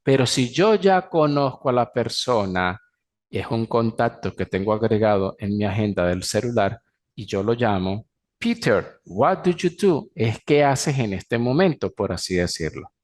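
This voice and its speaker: A man with a Venezuelan Spanish accent teaching an English class, slowly explaining and drawing out example phrases. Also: lowish voice, expressive, darkish tone. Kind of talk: recorded class lecture.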